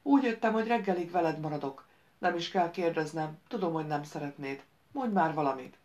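A woman's voice: low-pitched, a little mellow, natural voice. A woman reading an audiobook, voicing a grown man who speaks in an earnest, searching way.

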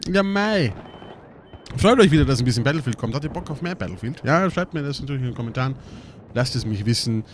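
A young German man doing live gameplay commentary, excitable and swearing a lot, with bursts of shouting while mostly keeping his voice down. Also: mid-range voice, fast talker, a little hiss or hum. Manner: holds his voice down at night. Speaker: let's play gamer.

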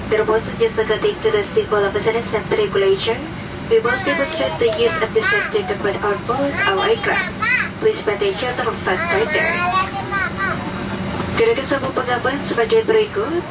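A woman's voice: on the high side, normal speed, over a noisy crowd. A woman with an Indonesian accent speaking as a flight attendant, reciting a scripted cabin safety announcement in a formal manner. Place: inside an airliner cabin. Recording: distant cabin PA, loud aircraft engine noise. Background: loud aircraft cabin noise.

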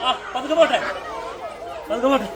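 Speaking a little fast in a very high-pitched voice, a male farm guide runs a playful outdoor lesson for schoolchildren, firing questions at them. He raises his voice to carry over the loud chatter of many kids and the outdoor noise around them.

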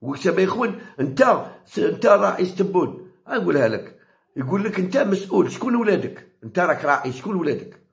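High-voiced, heated Algerian man. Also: very animated, fast talker, gravelly. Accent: Algerian Arabic. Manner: heated, repeats phrases for emphasis. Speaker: channel host. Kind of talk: impassioned direct-to-camera rant.

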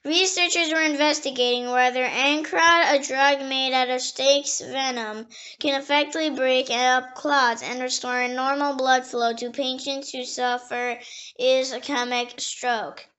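A woman with a high, bright voice reads dictionary entries aloud at a slow, careful pace. She spells each headword letter by letter and now and then trips over a word and starts it again. The recording sounds dull and lo-fi. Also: steady tone. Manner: slow, careful reading, spelling words letter by letter, with small slips and restarts. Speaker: dictionary reader.

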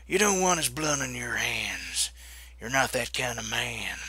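A man voicing a cold, taunting male killer from a storybook game, with a gravelly Texas drawl. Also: medium pitch, big pitch swings, unhurried, pushed and bright, no echo, exaggerated voice.

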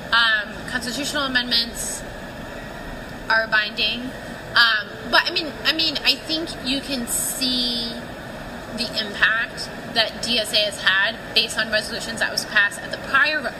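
A woman giving a casual, filler-filled interview answer at a convention. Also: on the high side. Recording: noisy field recording.

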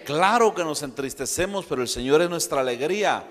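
Preacher with hall reverb. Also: male voice, a little high, expressive, brisk, a bit bright. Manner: preaches with rising emphasis and rhetorical questions to the congregation. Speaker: apostle preaching. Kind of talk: sermon.

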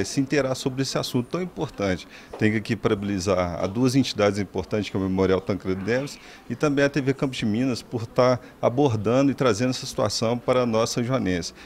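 40s man, event guest interview, relaxed tone. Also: on the low side. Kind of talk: on-camera interview. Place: indoor event hall. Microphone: handheld reporter mic.

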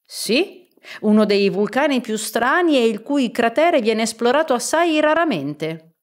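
Woman reader as courteous scholar, audiobook, slow and explanatory. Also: fairly high pitch, lively intonation, pitched above the performer's own voice. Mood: explaining. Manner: polite, explanatory. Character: courteous learned male librarian professor.

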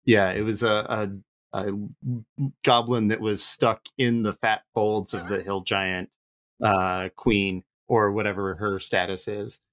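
A man chatting casually as a panel guest, relaxed and quick to laugh. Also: fairly low pitch. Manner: relaxed, laughs often, many fillers. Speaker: panel guest, game master.

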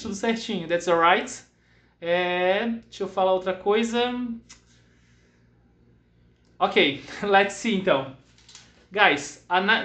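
High-voiced Brazilian teacher, echoey room. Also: male voice, a bit bright. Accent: Brazilian Portuguese. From western Santa Catarina, Brazil. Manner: reassuring, switches between English and Portuguese, drills words for repetition. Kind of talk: online English lesson for children.

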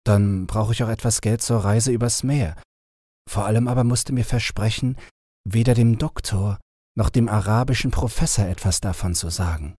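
A man's voice: lowish voice, normal speed, darkish tone, no echo, studio quality, lightly acted. A man voicing a homesick, pleading young boy in a storybook reading, with an earnest, plaintive manner.

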